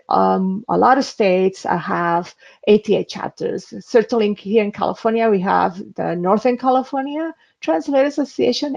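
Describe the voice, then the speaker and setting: A woman from Spain with a gravelly voice, medium in pitch and darkish in tone, works as an interpreter giving an instructional webinar with a screen demo. She sounds earnest and advisory but hesitates frequently, and the webinar audio is dull and lo-fi.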